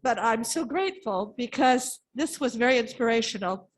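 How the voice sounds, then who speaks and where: At a church gathering, a woman in her seventies or older responds to a message with heartfelt, unscripted thoughts. Her voice is a little high and expressive, and she speaks at a moderate pace in an earnest, emphatic way.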